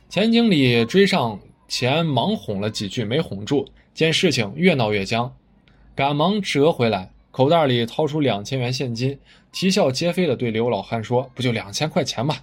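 A man narrating a story in a scripted, expressive storytelling style. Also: medium pitch, slightly rough.

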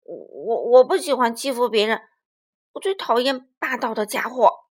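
A bashful male tyrannosaur, as a woman reads him stammers and blurts in a high, swooping voice. He speaks loudly and flusters easily, like a bully caught off guard in a children's storybook. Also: big pitch swings, unhurried. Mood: flustered.

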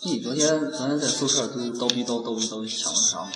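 A man's voice: mid-range voice, fast talker, noisy background. A young man, hosting a casual chat in a joking, teasing manner. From Guanzhong, Shaanxi, China. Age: young adult. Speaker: host of a student audio show. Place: small empty classroom, indoors. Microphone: basic recording equipment. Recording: echoey reverberant classroom. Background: loud background music.

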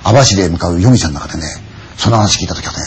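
A man's voice: low voice, expressive, fast talker, a little hiss or hum. A man telling a ghost story dramatically, full of sound effects and acted-out voices.

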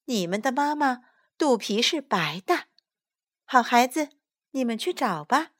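A woman's voice: a little high, expressive, a little slow. A woman voicing a big, friendly, smiling mother whale in a storybook reading. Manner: cheerful and kindly.

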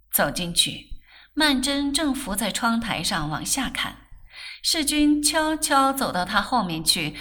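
A woman narrating a novel aloud in a measured, expressive way. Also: on the high side. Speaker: audiobook narrator. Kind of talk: novel reading.

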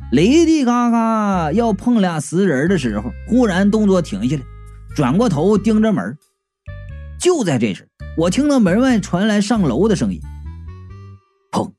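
A reader narrating a comic ghost story as an audiobook, in a lively storytelling tone. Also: medium pitch.

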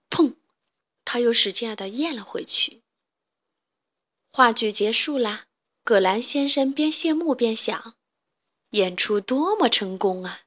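Woman reading a kids' story out loud, lively and expressive, voice sits a bit high. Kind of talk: children's storybook narration.

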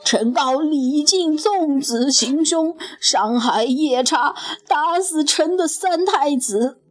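A woman's voice: high voice, expressive, measured pace, exaggerated voice. Woman playing a furious blustering dragon king. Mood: pleading. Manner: blustering, shouting accusations.

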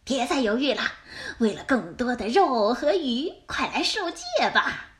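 A woman voicing a sly, scheming male fox in a children's story, flattering and coaxing in a sugary way. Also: high-pitched, unhurried.

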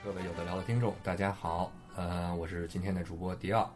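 A man's voice: low voice, flat delivery, fast talker, loud music behind the voice. A man hosting a casual Chinese podcast chat with guests. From China. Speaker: podcast host.

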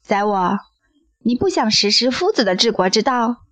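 A woman's voice: on the high side, sing-song, normal speed, fairly bright tone, dry recording. A woman reading the part of a curious young male disciple in an audio story, asking questions.

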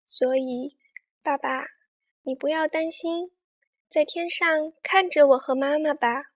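Storyteller: woman, high bright register, gentle children's picture-book narration, coaxing tone. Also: slow. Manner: warm, coaxing tone addressing children.

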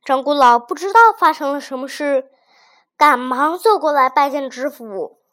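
A woman narrating a folk tale in an expressive storytelling style. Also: high-pitched, moderate pace.

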